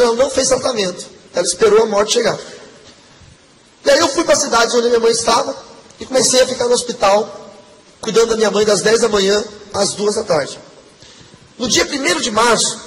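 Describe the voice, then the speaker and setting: A man giving an earnest, emotional testimony sermon to a congregation. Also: very high voice. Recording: long hall reverb, faint background noise.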